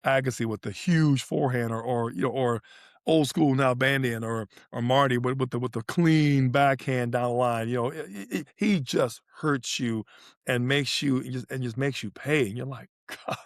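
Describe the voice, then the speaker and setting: Breaking down tennis play on a sports podcast he co-hosts, this man talks casually and repeats phrases for emphasis. His voice sits at medium pitch with a moderate pace, and the studio-quality recording has no echo.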